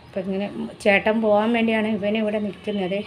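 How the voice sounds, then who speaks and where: A woman chatting casually to her viewers about her home chores, often cooing to her pet dog in a high sing-song voice. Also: level tone, fast, a little hiss or hum. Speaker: vlogger. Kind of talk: casual home vlog chat.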